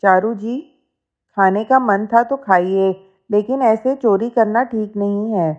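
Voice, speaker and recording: A woman's voice: mid-range voice, slow pace, darkish tone, lo-fi sound, natural voice. A woman voicing a sly young daughter-in-law who steals and blames others, in a storybook reading. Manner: sly, accusing.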